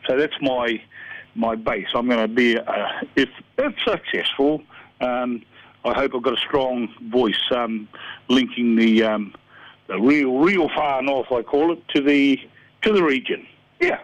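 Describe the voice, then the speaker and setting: An older man with a New Zealand accent, running for council, talks in a mid-range, unhurried voice during a phone interview. He sounds earnest and plain-spoken, sometimes searching for words. It's recorded over a telephone, so the line is muffled but free of echo.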